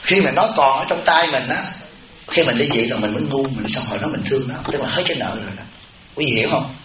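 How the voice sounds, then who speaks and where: A Buddhist monk giving a sermon in a temple hall, telling humorous stories and putting questions to the audience. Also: male voice, mid-range voice, lively intonation, fast. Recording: echoey hall, muffled, audience noise.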